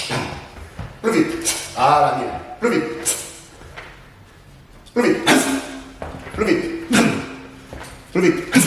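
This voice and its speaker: A man's voice: fairly high pitch, heavy reverb, in a large hall, far from the mic, a little hiss or hum, low-quality recording. A man teaching self-defense moves, calling out instructions and punctuating each strike with sound words. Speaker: Krav Maga instructor. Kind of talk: demonstrating self-defense techniques.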